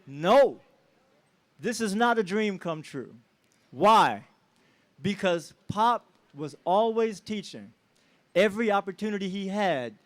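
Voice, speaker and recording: A man with a high voice speaks to a crowd outdoors, honoring a parent. He is emotional but rousing, and he works the audience with call-and-response questions. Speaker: family member giving a tribute speech. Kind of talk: public speech at an outdoor celebration. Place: outdoors at a street celebration.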